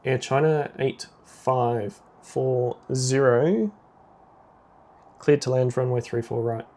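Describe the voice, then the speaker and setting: A man playing air traffic controller in a simulator game, giving clipped, procedural radio commands in a creaky voice. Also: medium pitch, slow pace, mellow.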